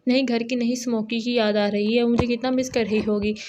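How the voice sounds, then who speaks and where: A woman's voice: a little high, level tone, a little fast, a little mellow, dull audio, a little hiss or hum, close to an everyday voice. A woman reading the part of a childish, innocent teenage girl in an audio novel, sulky and childlike.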